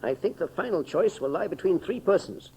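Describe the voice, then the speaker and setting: An actor playing a kindly older doctor, thoughtful and measured, in a 1930s radio serial. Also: male voice, sits high, animated, warm tone, slightly rough, full character voice. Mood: grave, resolved. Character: kindly older doctor, gentle, self-sacrificing loyal friend. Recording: muffled old 1930s radio recording.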